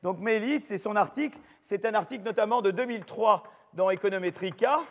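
A man's voice: high voice, a little fast. An older man with a French accent giving a university lecture in a chatty, digressive way, full of fillers and restarts. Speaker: professor lecturing. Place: lecture hall. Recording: long reverb of a lecture hall.

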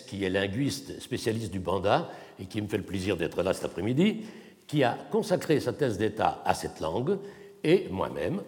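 A male academic lecturer with a mid-range voice and animated pitch speaks into a lectern mic, with long reverb from the hall. He explains things in a measured way and demonstrates tones with his own voice.

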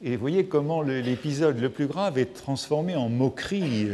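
A middle-aged man, a literature professor, giving a public lecture in a large hall, speaking slowly with many hesitations and raising his voice when he quotes a text. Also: medium pitch, lively intonation, warm tone, a little hiss or hum. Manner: slow, hesitant, many fillers, lifts voice for quotations. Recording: long reverb of a lecture hall.

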